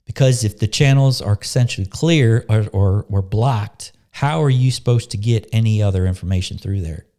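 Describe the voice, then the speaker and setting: A man leading a guided meditation, talking slowly and softly in an unhurried, calm way, pausing and restarting phrases. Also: fairly low pitch. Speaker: spiritual teacher leading a meditation. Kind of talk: slow, soft-spoken guided meditation talk.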